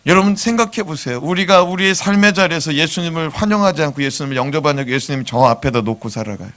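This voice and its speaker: A middle-aged man, a pastor, preaching a sermon in a church with emotive swings from soft to loud. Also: on the high side, lively intonation, fast. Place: church sanctuary.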